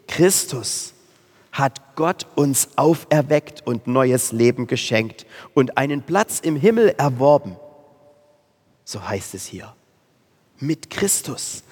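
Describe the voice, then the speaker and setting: A man preaching a sermon, slow and emphatic, repeating key phrases with weight. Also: a little high, slightly rough. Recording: long reverb in a church hall.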